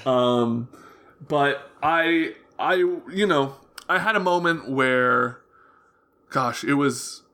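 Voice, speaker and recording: A young man with prominent vocal fry talking openly in a casual interview, earnest and rambling, often backtracking as he tells his story. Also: a little high, slow pace, pushed and bright. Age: young adult. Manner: hesitant, rambling, self-correcting storytelling; open, earnest. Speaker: interview guest.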